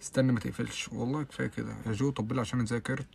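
A young man with an Egyptian Arabic accent, hosting a casual live stream, chatting with viewers and answering their comments, with bursts of loud laughter. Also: steady tone, gravelly, slight background noise. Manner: rapid chatty talk with frequent oaths and bursts of loud high laughter.

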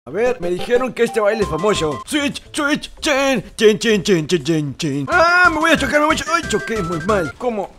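A man's voice: high-pitched, big pitch swings, normal speed, hardly any pauses. A young man playing a confused, rambling old grandpa. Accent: Mexican. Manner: rambling, easily confused, bursts into yelps. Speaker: gaming YouTuber. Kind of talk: comedic gameplay commentary in character. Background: background music.

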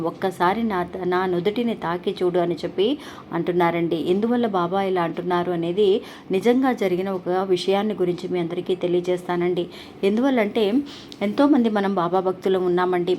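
A woman's voice: fairly low pitch, a little mellow, a little hiss or hum. A woman hosting a devotional channel, telling a story in an earnest, polite way with frequent restarts.

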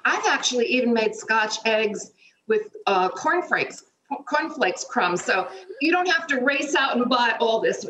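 Her voice on the high side, expressive and unhurried, a middle-aged woman walks viewers through a dish step by step from her own kitchen via remote video. It's a chatty morning-show demonstration with echoey room sound and faint background noise.

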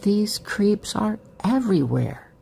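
A woman reading a story aloud in a dramatic, expressive way. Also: medium pitch, takes it slowly, gravelly, slight background noise. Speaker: story narrator.

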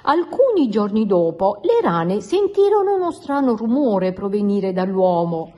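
A woman reading a picture book aloud to children in an expressive storytelling manner. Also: mid-range voice, a little slow, muffled recording. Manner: animated, expressive.

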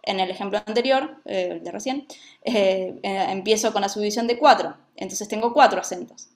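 A woman's voice: mid-range voice, moderate pace. A woman teaching a music lesson, who explains patiently and often checks that her students follow.

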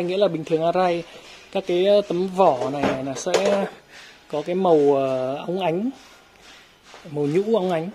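A helmet shop owner chatting through an unboxing, pausing often with fillers. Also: mid-range voice, darkish tone, a little hiss or hum. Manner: hesitant, many fillers. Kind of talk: casual unboxing vlog.

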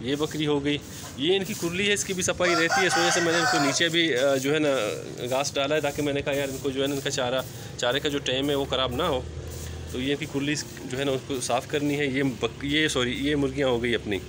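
A man's voice: mid-range voice, fairly even intonation, fairly quick. A man gives a casual, chatty walk-through of his rooftop yard, often repeating filler phrases. He films on a handheld phone camera outdoors. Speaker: poultry vlogger. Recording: outdoor ambient noise.

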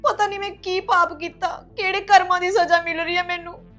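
A woman's voice: very high voice, flat delivery, brisk, bright, forceful tone, soft background music. A woman acting as a grieving young widow who cries and pleads over her loss. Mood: tearful. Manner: tearful and pleading. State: crying.

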